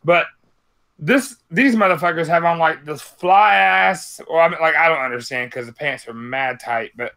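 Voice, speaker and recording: A man in his late thirties hosting a sneaker podcast, talking loudly and swearing in loose banter. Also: a little high, moderate pace, vocal fry. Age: 30s. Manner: loud, profane, animated talker. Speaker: podcast host.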